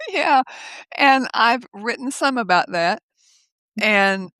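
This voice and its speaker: An older woman speaking as a guest over a video call from her home office, telling stories in a lively way, laughing often and acting out the voices of others. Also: fairly high pitch, slow, no echo. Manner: lively, laughs often, acts out quoted speech. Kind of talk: casual conversational storytelling.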